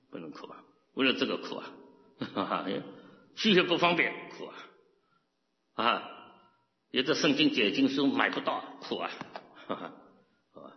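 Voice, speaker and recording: Animated preaching man in echoey hall. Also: mid-range voice, normal speed, long pauses. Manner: animated, rhetorical questions, laughs often. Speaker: pastor. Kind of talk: sermon. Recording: echoey hall, dull lo-fi sound.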